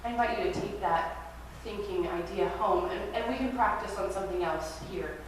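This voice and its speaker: A woman pastor preaching a sermon at a pulpit microphone in a church sanctuary, in a gentle, reflective way that invites listeners to practice. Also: mid-range voice, moderate pace. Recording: very echoey church hall, distant mic, faint hiss.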